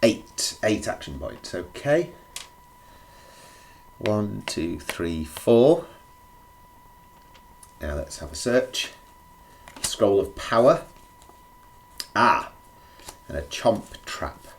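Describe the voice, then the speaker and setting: A man with a croaky, under-the-weather voice thinks aloud in casual play-by-play as he plays a board game alone. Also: fairly low pitch, big pitch swings, very slow, pauses often. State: feeling rough, under the weather. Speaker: solo board game player presenting a run-through. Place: indoors at a gaming table. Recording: clear background noise, clicks.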